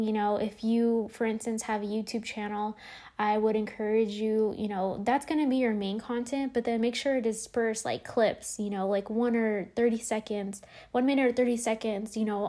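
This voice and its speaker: A young woman with a slightly high voice talks through her solo podcast in a loose, chatty way. She fills her sentences with ums and restarts, and her voice is a little worn, as if she is losing it. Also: dark tone. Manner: chatty, lots of fillers and restarts. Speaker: podcast host. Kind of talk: casual solo podcast talk.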